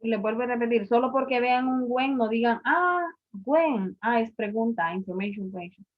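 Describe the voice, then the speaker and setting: A woman's voice: fairly high pitch, normal speed. A woman teaching an English grammar class, patiently explaining and repeating each point in a classroom. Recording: muffled lo-fi recording.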